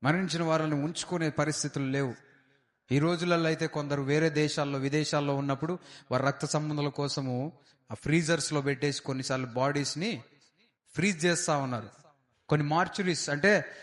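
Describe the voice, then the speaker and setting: A man preaching an Easter sermon as pastor, fervent, with frequent hallelujahs and loud rising declarations. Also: fairly high pitch.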